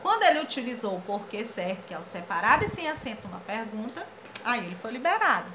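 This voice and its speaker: Brazilian teacher lady, high voice jumping all over, little bit of room noise behind. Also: quick pace. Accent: Brazilian Portuguese. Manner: animated, reads comic dialogue aloud in playful voices. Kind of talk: lively classroom lesson for children.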